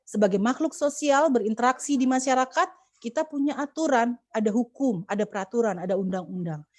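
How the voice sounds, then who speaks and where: A woman's voice: fairly high pitch, brisk, dry recording, studio quality. A woman speaking as a communication expert on a video call webinar, giving earnest, preachy advice to mothers with many fillers and restarts.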